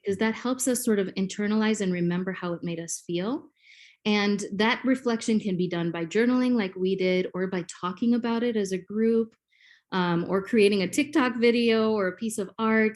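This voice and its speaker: Guesting on a podcast interview, a woman from Kenya in her forties whose first language is Swahili explains topics in a teacherly way, dotting her speech with ums. Her voice is mid-range and a little mellow.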